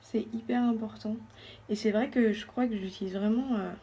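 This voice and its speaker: A woman's voice: fairly high pitch, steady tone, normal speed, mellow, slightly rough, lo-fi sound. A woman giving a casual makeup tutorial as a beauty vlogger, chatty and thinking aloud with lots of fillers.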